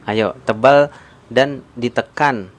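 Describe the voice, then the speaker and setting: Guy teaching quran pronunciation on a live stream, patient, repeats stuff a lot, keeps asking viewers to type answers. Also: mid-range voice. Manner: patient, repeats points, drills pronunciation slowly; coaxes viewers to answer in comments. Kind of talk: live-stream tajweed lesson.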